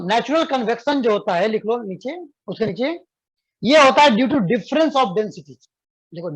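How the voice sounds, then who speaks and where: A physics teacher with an Indian English accent, dictating notes slowly and repeating phrases, then explaining quickly and asking the class questions. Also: male voice, very high voice, husky, rough recording.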